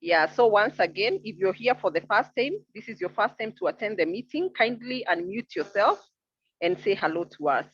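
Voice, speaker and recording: A woman's voice: mid-range voice, expressive, moderate pace, breathy edge, no room sound, dull audio. A woman moderating an online meeting, speaking politely and formally as she directs participants over call audio.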